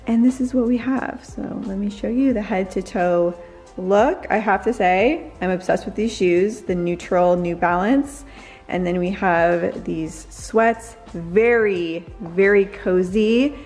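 A woman's voice: mid-range voice, slow pace, darkish tone, soft background music. Upbeat woman vlogging at home. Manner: upbeat, gushing, chatty. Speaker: lifestyle vlogger. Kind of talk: casual vlog try-on chat. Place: bright living room at home. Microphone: camera in hand and mirror selfies.

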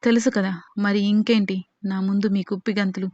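A woman's voice: mid-range voice, flat delivery, a little fast, a little mellow, no room sound, natural voice. A woman voicing a scheming middle-aged man who mocks and dismisses others, in a dull lo-fi recording. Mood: scornful. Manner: mocking, dismissive.

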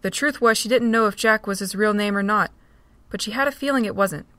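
A woman narrating an amateur audio drama with an even, steady reading. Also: medium pitch, fairly quick, dry recording.

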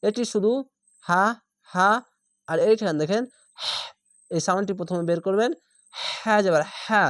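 A man's voice: high voice, measured pace, pauses often, no room sound. A man teaching Quran reading, who spells out each letter and syllable, repeats the sounds and stretches the vowels before joining them into words. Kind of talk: step-by-step recitation lesson.

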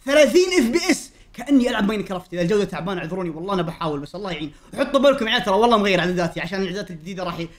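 A man hosting a gaming challenge video, playful and teasing, bursting into shouts. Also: sits high, expressive, rapid-fire, hardly any pauses. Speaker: gaming channel host. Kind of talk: excited gaming challenge banter.

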